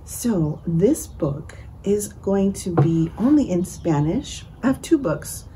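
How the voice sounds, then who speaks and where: A woman leading a bilingual children's storytime, switching between English and Spanish and drawing out words slowly to count syllables. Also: lowish voice, big pitch swings, dark tone, a little hiss or hum, rough recording. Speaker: children's librarian. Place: library.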